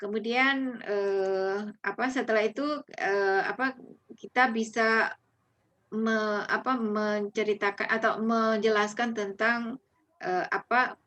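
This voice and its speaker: A woman's voice: medium pitch, steady tone, slow, fairly bright tone. A woman teaching presentation skills in an online class, chatty, with many fillers and restarts, dropping English phrases into her talk.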